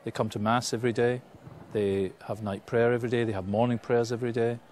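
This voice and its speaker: A man's voice: mid-range voice, flat delivery, fast talker, darkish tone, slight background noise. A middle-aged man, the school chaplain, speaking sincerely in an interview outdoors, with small restarts. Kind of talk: earnest interview testimony. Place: outdoors in front of greenery.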